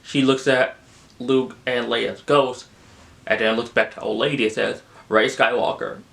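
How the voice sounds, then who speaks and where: A man's voice: mid-range voice, fairly even intonation, a little slow, gravelly, fairly bright tone. A young man giving a casual, rambling film review, exasperated and full of "like" fillers. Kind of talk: casual spoken movie review.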